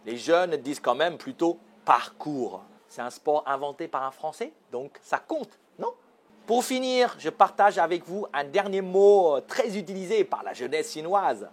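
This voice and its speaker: A man's voice: a little high, husky. A man presenting a magazine show segment, explaining words in a playful, teasing way and asking the viewers questions.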